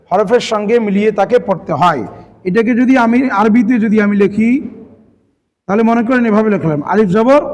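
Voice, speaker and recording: A man's voice: high voice, in a large hall. A man teaching Arabic letter reading step by step, patiently repeating points and asking his listeners questions. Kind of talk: step-by-step recitation lesson.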